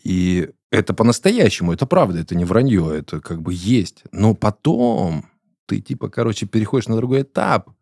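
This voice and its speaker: A man around forty hosts a studio podcast in a deep, husky voice. He talks bluntly and jokes with crude slang. The sound is dry and close. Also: sing-song, normal speed, a little mellow, no room sound. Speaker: podcast host. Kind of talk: casual studio podcast chat.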